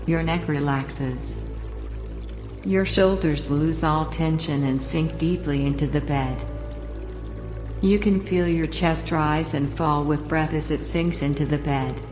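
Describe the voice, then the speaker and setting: A woman narrating a guided relaxation in a slow, lulling, soothing manner, like a sleep story narrator. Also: sits low, reverberant, big-room sound, over music. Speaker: hypnosis audio narrator and trainer.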